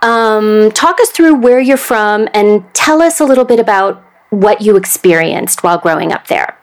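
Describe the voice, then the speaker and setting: A woman podcast host with an animated, mid-range voice runs a studio interview. She reads a measured introduction, then asks questions while offering soft affirming murmurs.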